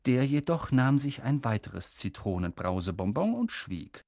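A man narrating a fantasy audiobook with expressive, storytelling delivery. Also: mid-range voice, a little slow, creaky, no echo, clean studio sound. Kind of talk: scripted narration.

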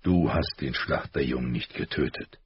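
A man voicing a grave, gentle noble father in an audiobook, slow, soft-spoken and weighty, with a husky voice. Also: a bass voice, no room sound, dull audio, voice pushed down, heavily acted. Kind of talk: audiobook character voice.

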